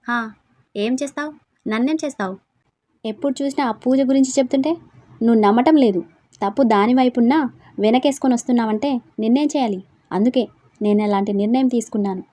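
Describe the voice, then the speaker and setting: A woman voicing a hurt, fiery young wife who shouts and argues indignantly. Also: on the high side, quick pace, pauses often, dry recording, close to an everyday voice. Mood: angry.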